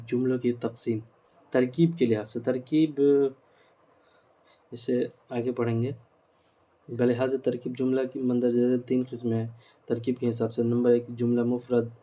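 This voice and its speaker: A man's voice: mid-range voice, little pitch movement, dark tone, highs cut off. A male teacher giving a grammar lecture, explaining step by step, asking rhetorical questions and mixing in English words.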